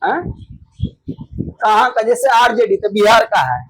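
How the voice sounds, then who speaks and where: High-voiced Bihari teacher drilling his class. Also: measured pace, no echo, low-quality recording. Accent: Bihari Hindi. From Bihar, India. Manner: loud, repetitive quizzing that drills students with call-and-response. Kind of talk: classroom exam drill lesson.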